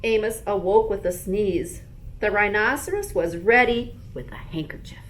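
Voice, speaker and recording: A woman, a school librarian, reading a bedtime story aloud to young children in an expressive, animated manner. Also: mid-range voice, moderate pace.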